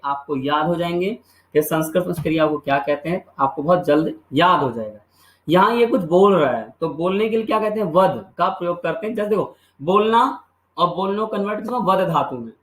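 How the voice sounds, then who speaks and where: A man's voice: sits high, fairly bright tone, reverberant, poor audio. A man teaching Sanskrit grammar in a video lesson. He asks questions and answers them himself, and drills the endings by repeating them. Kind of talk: classroom-style video lesson.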